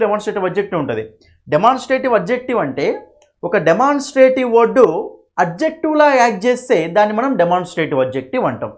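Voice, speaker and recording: Fast-talking Telugu-accented male teacher. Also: high voice. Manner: addresses students fondly as "nanna"; quick, repeats key terms and asks "okay?" often. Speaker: English teacher. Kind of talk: exam-prep lesson.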